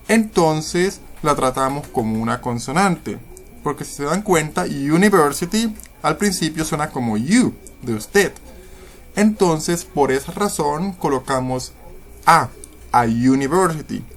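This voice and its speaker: A man teaching English grammar, explaining patiently with frequent fillers and checks for understanding. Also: on the high side. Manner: patient, repeats points with many fillers and "¿cierto?" checks.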